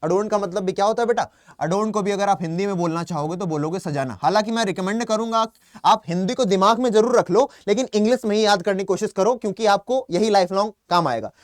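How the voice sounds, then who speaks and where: A young man teaches an online English vocabulary class in a chatty Hindi-accented voice that sits high. He keeps asking his own questions and answering them, and calls his students "beta". The sound is dry and close. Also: quick pace, no echo. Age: young adult. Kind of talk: online exam-prep class.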